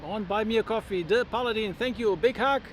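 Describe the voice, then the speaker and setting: A very high-voiced man hosts a casual livestream. He speaks effusively in short exclamations, with a faint wash of aircraft noise behind him. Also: fairly quick. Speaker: livestream host.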